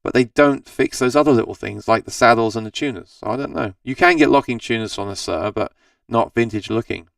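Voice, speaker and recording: An Australian man hosts a casual live gear Q&A stream about guitars, answering viewer comments in a chatty, rambling way and often restarting or correcting his sentences. His tired, scratchy voice is medium-pitched and brisk, gravelly with a smooth quality underneath. The recording is dry, with the mic at a distance.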